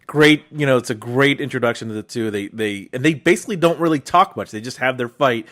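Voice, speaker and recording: A man's voice: medium pitch, quick pace. Chatty man co-hosting a film podcast. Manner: animated, quoting film lines, many restarts. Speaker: podcast co-host. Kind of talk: casual film discussion.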